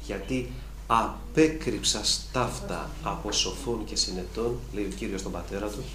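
A man's voice: on the low side, pushed and bright, slight background noise. A man preaching a sermon, emphatic and repetitive, building to fervent peaks. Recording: echoey room with faint ambience.

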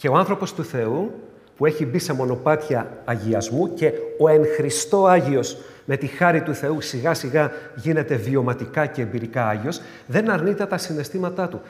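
An older man preaching a sermon with emphasis, swinging between loud urging and quiet, intimate asides. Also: on the high side, animated, roomy sound, big-room sound.

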